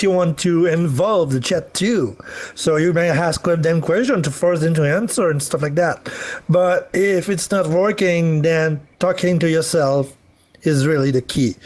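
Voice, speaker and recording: Male panelist, slightly high voice, relaxed. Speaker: panel guest. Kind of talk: casual panel chat.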